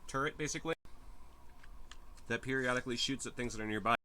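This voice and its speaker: A man's voice: medium pitch, fast talker, sharp tone. A man about thirty streaming a game from home, rambling and wry, swearing now and then as he reads chat. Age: 30s. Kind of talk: casual live-stream commentary.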